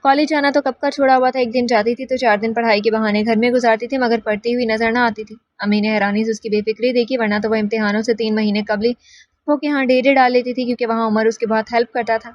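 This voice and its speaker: A woman narrating a novel as an audiobook reader, in a steady, even way. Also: fairly high pitch, no room sound, lo-fi sound.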